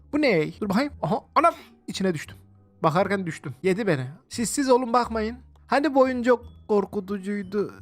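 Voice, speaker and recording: A man with a high voice gives running commentary on a video game he is playing. He talks to his viewers, exclaims often and reacts loudly to everything on screen. Faint game music plays under his voice. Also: dry recording. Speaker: gaming video host. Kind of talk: let's-play game commentary.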